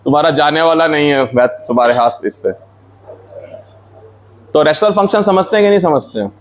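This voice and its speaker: A man's voice: a little high, lively intonation, brisk, a little hiss or hum. A man teaching engineering in a classroom, explaining step by step, quizzing his students and mixing in English technical terms. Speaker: engineering lecturer. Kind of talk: classroom lecture.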